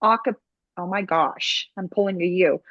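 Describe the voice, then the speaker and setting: A woman's voice: lowish voice, moderate pace, dry recording. Chatty young woman, dull dry sound. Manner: chatty, rambling, stumbles over words. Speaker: podcast co-host. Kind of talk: casual chat.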